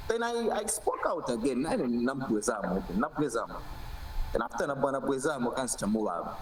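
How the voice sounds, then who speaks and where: A man's voice: medium pitch, roomy sound, distant mic, a little hiss or hum, poor audio. A Zambian man answering as an interview guest in casual chat, hesitant with many fillers, mixing in local words. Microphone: video call.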